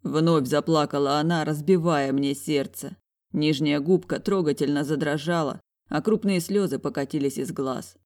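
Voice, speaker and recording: A man narrating a first-person audiobook in a calm, gentle, reassuring way. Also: fairly high pitch, normal speed.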